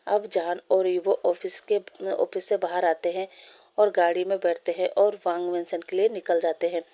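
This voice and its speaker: A woman reading a fan story aloud, in a steady, plain way with small slips. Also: fairly low pitch, normal speed.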